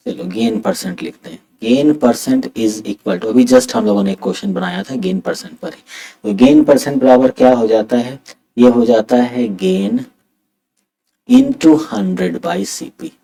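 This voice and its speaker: A man teaching an exam-prep math lesson, talking softly on purpose late at night at home and mixing Hindi with English. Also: medium pitch, animated, unhurried, creaky, low-quality recording. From India.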